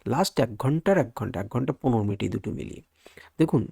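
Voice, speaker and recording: A man's voice: mid-range voice, lively intonation, rapid-fire, vocal fry, dark tone, breathy edge, no echo, studio quality. A man giving a lesson on market charts, asking questions and answering them himself as he walks through each point. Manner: explanatory, asks and answers his own questions. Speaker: stock market analyst.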